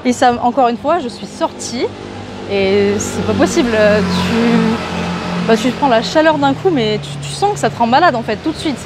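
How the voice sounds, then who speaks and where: A woman's voice: fairly high pitch, normal speed, heavy background noise. A young woman travel vlogger chatting casually while walking through a guest house, talking into a handheld camera with many fillers and restarts. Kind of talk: casual vlog chat, walking tour.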